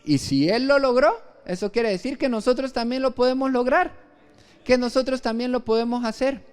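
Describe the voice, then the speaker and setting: A man's voice: very high-pitched, moderate pace, smooth. A male pastor from Venezuela preaching a live church sermon, earnest and storytelling, with frequent restarts. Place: church service.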